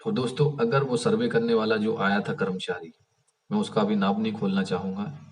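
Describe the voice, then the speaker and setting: A man with a lowish voice talks to the camera outdoors beside an unfinished house. He tells his complaint in a rambling, restarting way that keeps turning aggrieved. The camera sits a fair distance away, so his voice sounds far off. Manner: rambling, many restarts and fillers. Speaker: vlogger. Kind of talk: casual storytelling to camera. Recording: voice heard from a distance.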